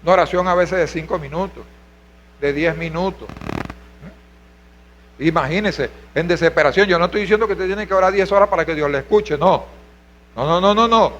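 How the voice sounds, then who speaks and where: A Venezuelan pastor preaches a sermon in a high-pitched, slightly bright voice at a moderate pace with frequent pauses, recorded lo-fi. He poses rhetorical questions and calls out to the congregation with cries of hermano and aleluya.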